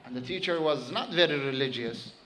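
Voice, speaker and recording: A man preaching a sermon to his congregation, telling a story with animated emphasis and quickly reciting Arabic phrases. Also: medium pitch, slight background noise, rough recording.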